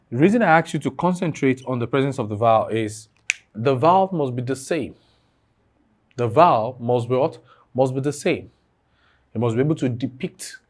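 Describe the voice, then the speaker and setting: A man teaching an online exam-prep lesson, repeating key phrases and asking the class fill-in questions. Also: mid-range voice.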